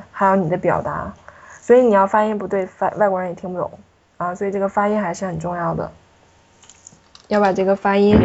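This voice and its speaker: A woman teacher walks through a pronunciation lesson, repeating her points and softening her sentences with little particles. Her voice is husky at an ordinary pitch. The recording is dull and lo-fi. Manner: repeats herself, ends phrases with soft particles. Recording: muffled lo-fi recording.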